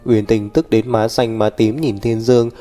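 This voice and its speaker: A male audiobook narrator reads with a mellow, dark tone at a middle pitch. His delivery is steady and even, with faint music playing underneath. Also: normal speed. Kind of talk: storytelling narration.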